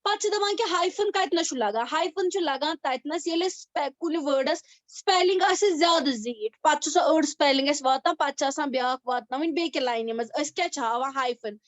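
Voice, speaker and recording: A woman teacher giving an English grammar lesson over a video call, explaining slowly and mixing English terms into her speech. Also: high voice, dry recording. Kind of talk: online class lesson. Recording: dull, dry video-call audio.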